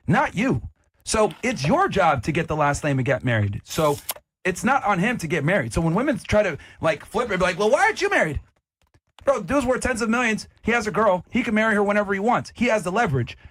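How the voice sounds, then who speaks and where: A man's voice: high-pitched, very animated, brisk, fairly bright tone. A man hosting a heated panel debate, speaking bluntly and assertively in a lecturing manner. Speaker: podcast panel host.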